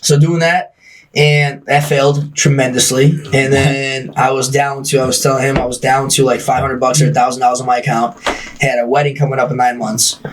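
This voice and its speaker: Fast-talking man telling his story. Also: mid-range voice, far from the mic, a little hiss or hum. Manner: fast, animated, acts out dialogue, swears casually. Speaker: podcast guest, gym owner. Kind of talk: casual storytelling interview.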